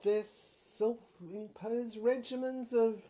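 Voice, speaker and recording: Her voice is a little high, steady and dark as she performs a wistful, rambling audio drama monologue. She portrays a haunted, obsessive inventor shut away by soldiers, her delivery theatrical and halting, with words repeated.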